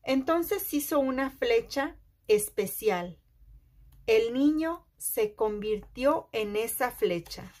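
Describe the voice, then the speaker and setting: A woman reading a children's picture book aloud, phrase by phrase with deliberate pauses. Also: on the high side, lively intonation, a little mellow. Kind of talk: slow read-aloud storytelling for children.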